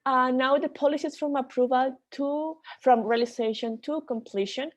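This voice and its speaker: Higher-voiced woman explaining on a video call. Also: fairly even intonation, normal speed. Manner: explains step by step with frequent restarts. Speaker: trainer. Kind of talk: online training presentation.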